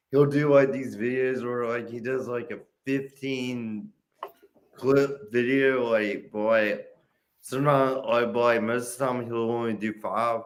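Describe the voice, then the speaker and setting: A man chatting casually while reacting to videos on a stream, halting and repeating his words, with many fillers. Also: mid-range voice. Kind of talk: casual chat.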